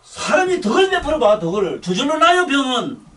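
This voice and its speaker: An older Buddhist dharma teacher from Busan, South Korea, speaking with a Gyeongsang accent, delivers a rambling sermon in a blunt, scolding, coarse manner. His voice is very high and a bit bright, very animated and a little fast, captured on a distant mic.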